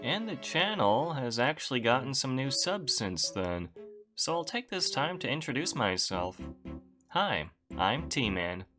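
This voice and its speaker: A man's voice: mid-range voice, big pitch swings, normal speed, over music. A young man giving a casual channel update to his viewers, wry and self-deprecating, with dry understatement.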